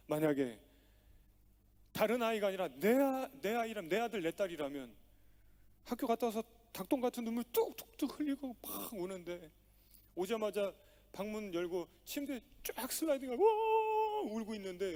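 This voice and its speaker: A man's voice: sits high, very animated, normal speed, a little mellow. A man preaching a sermon as pastor, telling stories with acted-out dialogue and strong emphasis. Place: church sanctuary.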